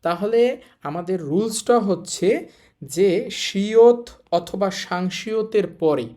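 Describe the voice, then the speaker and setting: A man's voice: sits high, slow pace, warm tone. A man teaching a recorded online language lesson, patiently restating each rule with emphasis. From Bangladesh.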